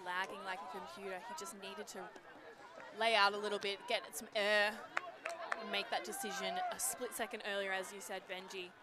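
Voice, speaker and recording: Speaking fairly quickly in a mid-range voice with little pitch movement, a woman co-commentates and analyses a sports match live, explaining the play emphatically. She's outdoors beside the field, and crowd noise and traffic can be heard around her.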